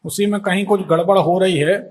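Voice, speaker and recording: A man doing a live call-in astrology consultation answers a female caller's questions, pressing her assertively with leading questions and talking over her. His high-pitched, husky voice keeps a steady tone, with a darkish quality and a brisk pace.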